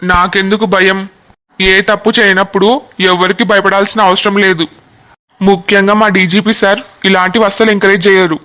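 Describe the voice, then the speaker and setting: A man's voice: sits high, flat delivery, moderate pace, sharp tone. A voice artist voicing a strict, scolding male police officer in a cartoon. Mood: stern. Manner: scolding, commanding.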